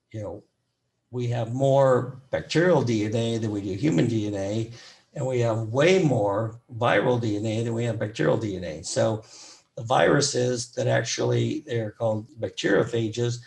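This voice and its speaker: A raspy, gravelly-voiced man lectures as a physician in an easygoing medical talk. He rambles a little, stacks fillers between points and circles back on his ideas, and his pitch sits in the middle range. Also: darkish tone. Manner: loose, rambling explanations with many fillers. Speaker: physician presenter.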